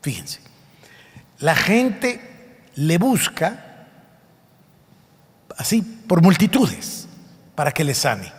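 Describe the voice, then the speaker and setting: A man's voice: a little high, wildly swooping pitch, slow pace, pauses often, long reverb tail. A man preaching a sermon, reading scripture aloud and explaining it with emphasis. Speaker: pastor.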